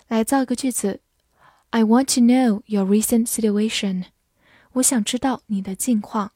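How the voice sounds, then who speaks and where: A woman teaching English vocabulary, patiently modelling each phrase slowly for the learner to repeat. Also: medium pitch, dark tone, slightly rough, no echo, clean studio sound. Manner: patient, slows down to model pronunciation. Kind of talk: vocabulary lesson.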